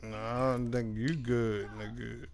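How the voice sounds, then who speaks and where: A man's voice: medium pitch, flat delivery, unhurried. A young man streaming a football video game, teasing and mocking his opponent in slangy casual trash talk.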